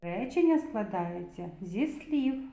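A woman giving a slow, clear lesson to preschool children and asking them to repeat sounds after her. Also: mid-range voice, lively intonation, mellow. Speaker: preschool teacher. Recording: dull, lo-fi sound in an echoey room.

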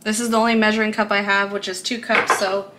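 A woman's voice: mid-range voice, little pitch movement, fast talker, very noisy. A woman explaining a recipe step by step in a casual, chatty cooking video, recorded in a home kitchen, laughing now and then. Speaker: cooking vlogger.

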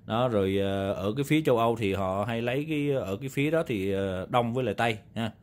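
A man with a Southern Vietnamese accent hosts a video reviewing vintage audio gear, showing the equipment on a table in an indoor room. His mid-range voice is fast and a bit dark, and his unscripted product talk rambles along casually, full of repeated confirming tags.

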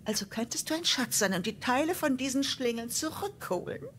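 A woman's voice: high voice, expressive, a little fast, a bit bright, slight background noise. A woman voicing a sweet, folksy old farm woman in a video game, homely and politely scolding. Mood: sweetly indignant. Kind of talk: video game voice acting, German dub.

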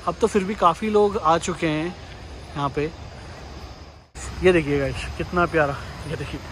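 A young Indian man narrates a chatty, enthusiastic travel vlog for his viewers, speaking a little slowly in a voice on the high side. Shot on a phone in a car and then outdoors by a river, the audio is poor, with loud background noise.

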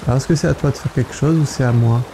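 A man's voice: medium pitch, very fast, background noise. A man casually commenting while he plays a VR game as a let's play host, chatting to himself as he goes. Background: game music.

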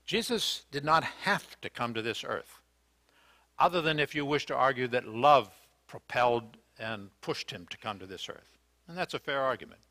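With an expressive, bright, and forceful mid-range voice at normal speed, an older American man preaches a sermon indoors in a church sanctuary. He is earnest and questioning, hesitating with fillers and restarts.

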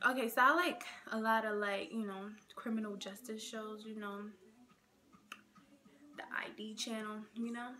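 This young Nigerian woman's voice is fairly high, pushed and bright as she vlogs casually to camera. In front of a plain gray backdrop indoors, she rambles through a get-to-know-me video laden with "like" and "okay."

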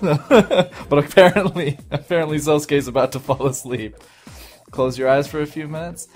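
A man's voice: fairly high pitch, normal speed. A young man giving casual gameplay commentary, rambling with many restarts and chuckles. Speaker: let's play commentator. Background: faint game music.

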